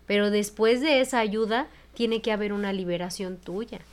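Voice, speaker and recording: A woman's voice: mid-range voice, normal speed. A woman with a Mexican accent, a psychologist co-hosting a casual podcast chat, talking frankly and expressively and swearing freely. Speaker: psychologist co-host.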